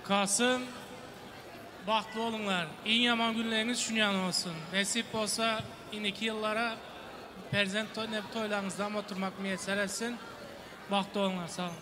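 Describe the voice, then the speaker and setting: A man's voice: high-pitched, level tone, moderate pace. A man offering blessings and good wishes at a wedding. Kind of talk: wedding well-wishing. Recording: noisy echoey hall, crowd din. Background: crowd and noise.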